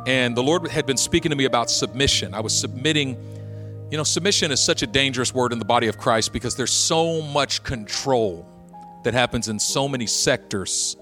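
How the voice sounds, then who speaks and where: Man preaching with soft music behind. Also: mid-range voice, lively intonation, fairly quick. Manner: conversational, humorous storyteller who builds to urgent exhortation. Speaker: pastor. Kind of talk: sermon with personal storytelling.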